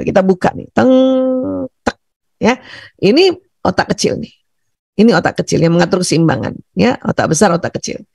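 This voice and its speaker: Man from Bugis Makassar, seminar speaker: thick gravelly voice, dry close sound, animated. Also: extremely high pitch, no echo. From Bugis Makassar, Indonesia. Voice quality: thick, loud voice. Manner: animated, laughs often, leads breathing exercises. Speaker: parenting and teaching speaker. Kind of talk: seminar talk to teachers and parents.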